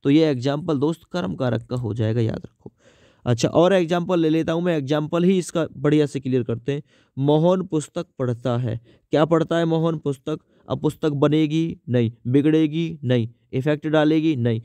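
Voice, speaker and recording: A man giving an exam-prep grammar lesson. He asks questions and answers them himself, with a lot of repetition, and reads the example sentences out slowly. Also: on the high side, dark tone, no echo. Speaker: teacher.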